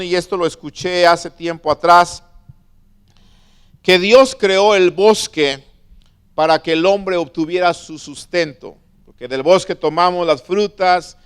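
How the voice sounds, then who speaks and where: A man preaching a sermon as a pastor, stressing words slowly and asking his listeners questions. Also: sits high, smooth. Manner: preaching with slow emphatic stresses and questions to the flock.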